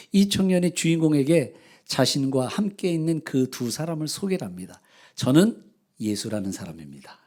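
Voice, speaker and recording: A middle-aged pastor tells a story in his sermon, and his voice rises and falls in a lively way. His tone is slightly high and gravelly as he builds drama. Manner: dramatic, expressive retelling of a story.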